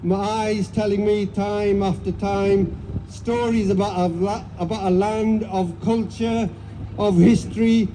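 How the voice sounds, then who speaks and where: Speaking at a street rally outdoors, a man addresses the crowd briefly before reciting a poem plainly and sincerely, using some fillers. His voice sits high but has a dark tone, and the rough recording carries slight background noise.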